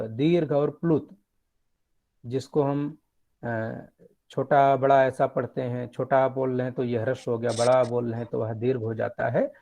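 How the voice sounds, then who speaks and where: A man's voice: a little high, creaky, dark tone. Muffled man giving a lecture. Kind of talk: academic lecture.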